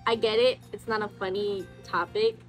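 A woman's voice: medium pitch, fairly even intonation, moderate pace, music in the background. A woman in her twenties hosting a casual chat, reading messages aloud and commenting in an informal, slangy way. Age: 20s. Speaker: host reading viewer confessions.

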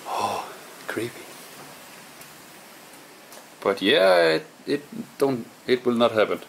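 Wandering through a deserted house and barn indoors and outdoors, a man from Denmark narrates casually as an urban explorer, musing and halting as he talks to himself. He speaks slowly in an expressive, creaky, mid-range voice, with some faint hiss or hum in the background.

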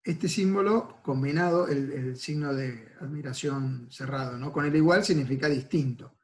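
A man with an Argentine Spanish accent gives a recorded university lecture in a mid-range voice at normal speed. He explains each step patiently and checks in with students after nearly every phrase.

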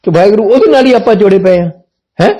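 Man, preacher, high voice, blunt soldierly delivery, emphatic rhetorical questions. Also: fast talker. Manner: blunt, forceful military-style way of speaking. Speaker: Sikh preacher. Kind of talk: religious sermon talk.

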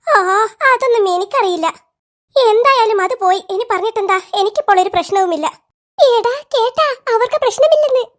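In this animated comedy clip, a voice actor does squeaky schoolkid voices that bicker and trade fast teasing jabs.

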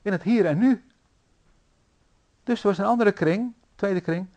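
A man preaching a sermon in a church, telling stories in a lively, anecdotal way with frequent fillers. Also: high voice, measured pace. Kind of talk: sermon storytelling.

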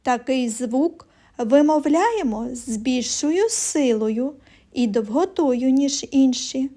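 A woman teaching a phonics lesson to young children, explaining sounds slowly and clearly in a sing-song way. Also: high voice, expressive, mellow. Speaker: primary school teacher.

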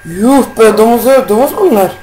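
A man's voice: extremely high pitch, expressive, normal speed, dark tone, slight background noise, poor audio. Rambling, easily irritated young man gaming. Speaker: gaming YouTuber. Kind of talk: casual let's-play commentary. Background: faint game music.

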